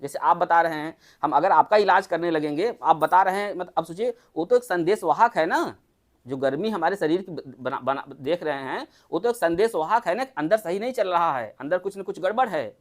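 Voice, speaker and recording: Doctor, mid-pitched, casual group health talk, keeps firing rhetorical questions. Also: expressive, moderate pace. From Uttar Pradesh, India. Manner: chatty, asks the listeners many rhetorical questions.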